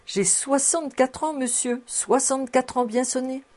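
Voicing a jolly, fussing old housekeeper aged sixty-four with no teeth, a woman chuckles and coaxes in a high, slightly mellow voice raised above her natural pitch. The pace is normal and the performance lightly acted.

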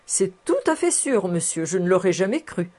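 A woman's voice: fairly low pitch, very animated, normal speed, darkish tone. A woman playing a chuckling old housekeeper. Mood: coaxing. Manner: chuckling, fussing, coaxing. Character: cheerful old female housekeeper, sixty-four, toothless.

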